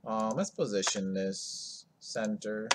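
Laid-back guy walking through code slowly, lots of ums, keyboard clicks behind him. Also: fairly low pitch, background noise. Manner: laid-back, rambling, many ums and asides. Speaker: coding tutorial host. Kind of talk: screen-recorded coding tutorial.

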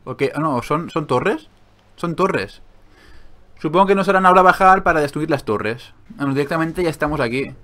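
A man giving casual gameplay commentary, excitable and quick to swear and joke. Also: on the high side. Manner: excitable, swearing, joking asides. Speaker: gaming video host.

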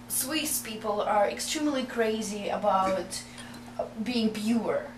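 A woman's voice: mid-range voice, takes it slowly, noisy background. A young woman from Russia, a guest chatting playfully in a comedy interview, laughing and hesitating with fillers. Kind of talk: casual interview chat. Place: indoor bedroom set. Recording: roomy room sound.

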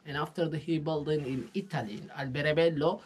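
A local tour guide, a man with a fairly high, steady voice, explains things in broken English using short phrases, halting often with fillers. The tour moves from outdoors to the inside of a mud-brick house. The recording is rough, with a little hiss or hum.

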